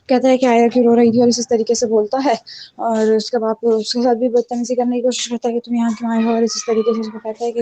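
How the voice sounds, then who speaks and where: A woman with a somewhat high, warm and mellow voice tells the story of a TV drama episode in a loose, conversational way. She reads out the characters' lines in her own voice and keeps a flat, level delivery throughout. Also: a little hiss or hum. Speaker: drama recap reviewer. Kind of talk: casual spoken retelling of a TV drama episode.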